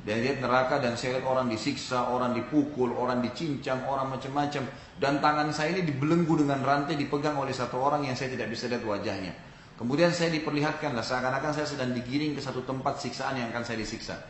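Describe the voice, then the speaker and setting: A man's voice: medium pitch, fairly even intonation, fast, echoey room, a little hiss or hum, low-quality recording. A man from Indonesia giving an Islamic sermon, telling a story and speaking directly to his audience. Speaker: preacher.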